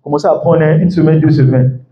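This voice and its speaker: A man's voice: on the high side, steady tone, brisk. A man coaching a group on English pronunciation in casual French, dropping fillers and modelling English words aloud. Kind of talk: live talk to a group. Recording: echoey room, dull lo-fi sound.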